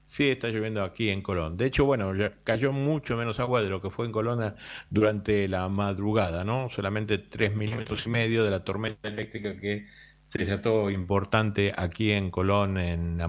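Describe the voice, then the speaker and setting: Low-voiced Argentine radio reporter. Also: male voice. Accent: Argentine Spanish. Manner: halting, many fillers. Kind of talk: live radio news roundup. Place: remote broadcast location. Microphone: app-based remote link.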